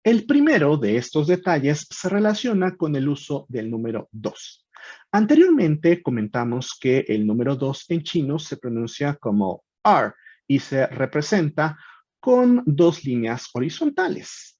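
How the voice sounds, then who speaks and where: A man narrates a language lesson in a scripted, step-by-step way, his voice slightly husky and swinging lively up and down. The recording is dry and close. It sounds somewhat dull and lo-fi. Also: fairly high pitch, no echo. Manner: calm step-by-step explaining, spells out example sounds slowly. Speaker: language teacher.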